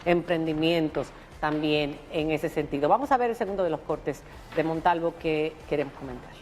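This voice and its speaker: A woman's voice: deep voice, moderate pace, a little mellow, faint music behind. Dominican woman host, reverberant room. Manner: emphatic, insistent. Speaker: talk show host. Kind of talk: opinionated news commentary.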